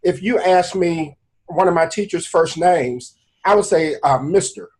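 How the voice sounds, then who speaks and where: A man's voice: fairly high pitch, measured pace, darkish tone, low-quality recording. A man in his forties, a talk show guest, speaking earnestly and making his points with emphatic repetition. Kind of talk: casual talk show discussion.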